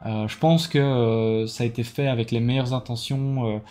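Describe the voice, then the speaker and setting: A tired card game YouTuber with a Belgian French accent gives his viewers a casual, rambling debrief in a mellow, mid-range voice at a steady, normal pace. He hesitates, restarts, leans on fillers, and thanks people with enthusiastic praise while soft music plays behind him.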